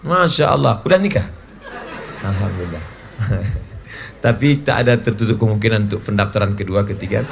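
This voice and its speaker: A man's voice: lowish voice, moderate pace, vocal fry, pauses often, background noise. A man in his forties giving a humorous sermon as a preacher, joking and acting out little dialogues. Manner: jokey, acts out dialogues with shifting voices.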